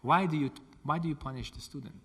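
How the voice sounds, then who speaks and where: Hungarian-accented monk lecturing in a reverberant hall. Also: male voice, a little high, fast, a bit bright, husky. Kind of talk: lecture with question and answer.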